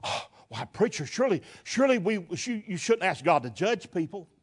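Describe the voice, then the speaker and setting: A preacher putting on a fretful churchgoer. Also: male voice, high-pitched, big pitch swings, normal speed, husky, pitched below the performer's own voice, full character voice. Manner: fussy, flustered protest. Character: prim churchgoer objecting to the preacher.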